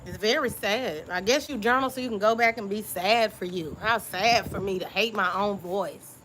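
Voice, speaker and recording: A woman YouTuber reads through her old journal entries during a casual live-stream chat, sounding confiding and reflective and often checking in with listeners by asking "okay?". Her medium-pitched voice moves at normal speed in relaxed, informal speech, and the low-quality recording carries a little hiss or hum.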